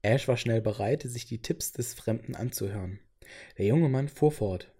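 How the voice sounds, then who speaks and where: Male narrator, storybook reading, husky, mellow. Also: mid-range voice, moderate pace.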